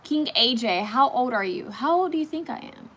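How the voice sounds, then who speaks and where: A woman in her thirties hosts a casual livestream, talking straight to her viewers and answering their comments as they come in. Her voice is bright and fairly high, and she restarts her sentences as she goes. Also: animated, moderate pace, a little hiss or hum. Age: 30s. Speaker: livestream host reading oracle cards.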